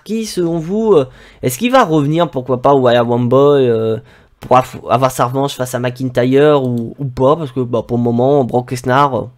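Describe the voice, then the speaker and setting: A man giving relaxed, chatty commentary on his own gameplay, with frequent hesitations. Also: medium pitch. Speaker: gaming YouTuber.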